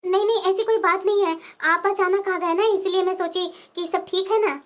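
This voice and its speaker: Woman with a very high voice carrying a cartoon family story, voicing both women, expressive. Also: moderate pace. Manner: expressive, switching between two figures. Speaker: voice actor voicing mother-in-law and daughter-in-law.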